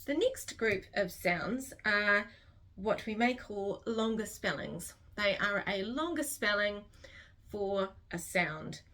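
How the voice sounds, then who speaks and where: In a slow instructional phonics lesson, a female literacy teacher with a New Zealand accent carefully works through each letter sound in a structured way. Her mid-range voice has a fairly bright tone.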